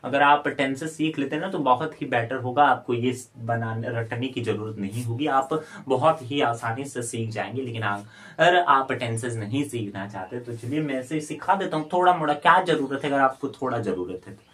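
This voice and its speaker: A young man giving a spoken English lesson, explaining step by step and repeating phrases slowly for learners. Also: mid-range voice, a bit bright. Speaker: English teacher.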